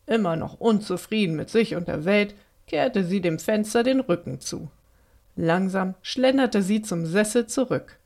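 A woman's voice: mid-range voice, measured pace, darkish tone. Woman reading a children's story aloud.

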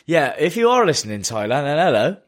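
Bloke in jokey podcast chat. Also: male voice, on the high side, big pitch swings, fast. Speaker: podcast co-host. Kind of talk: casual bantering sports podcast chat.

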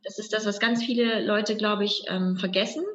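A woman's voice: mid-range voice, steady tone, normal speed, highs cut off. A German woman, an actress, reflecting in an interview, thinking aloud in a rambling way with many restarts. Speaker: actress and guest. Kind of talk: conversational interview.

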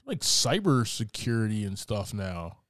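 A man's voice: on the low side, big pitch swings, unhurried, a bit bright, no room sound, clean studio sound. A man co-hosting a podcast, chatting casually about movies, joking and tripping over words. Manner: jokey, stumbles over words, laughs a lot. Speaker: podcast co-host. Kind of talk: casual film chat.

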